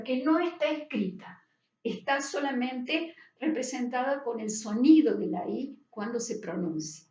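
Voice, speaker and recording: Woman teaching, high voice, distant. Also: a little mellow. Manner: explanatory, checks in with frequent "¿sí?". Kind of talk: lecture. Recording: roomy, distant, dull sound.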